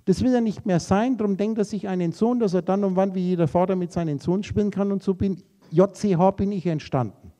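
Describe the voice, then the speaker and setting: This is a man lecturing to a live audience, his voice pitched high yet dark and mellow in tone. He rambles through associative wordplay and speaks to his listeners directly and casually. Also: brisk. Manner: addresses listeners directly and informally. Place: lecture room.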